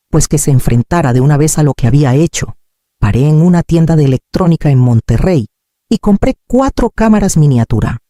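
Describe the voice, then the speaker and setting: A man narrating a dramatic story in a slow, solemn, expressive way. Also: a little high, dry recording, studio quality.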